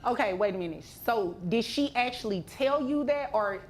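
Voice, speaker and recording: A woman's voice: fairly high pitch, expressive, normal speed, a little hiss or hum. A woman judge questioning a litigant in a courtroom, casual and probing, with dry teasing asides.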